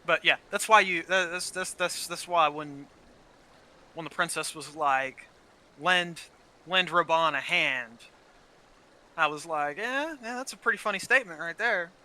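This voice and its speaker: This man's voice sits a little high, with a sharp tone and a measured pace. He co-hosts a gaming channel and, in a casual but heated chat about the story, swears a lot, voices strong opinions and repeats words while making his point.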